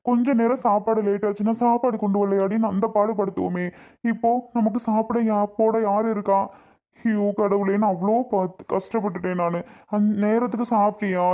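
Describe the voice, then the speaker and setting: A man's voice: high-pitched, a little mellow, dull audio, close to an everyday voice. A man voicing a repentant jailed husband in a cartoon, pleading over and over. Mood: remorseful. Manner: begging, repeats sir again and again.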